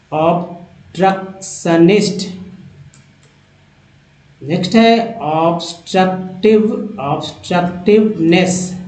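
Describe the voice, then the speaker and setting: A man's voice: high voice, a little mellow, reverberant, rough recording. A man teaching English vocabulary, sounding out long words syllable by syllable and coaxing viewers along with friendly asides. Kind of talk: spoken English vocabulary lesson.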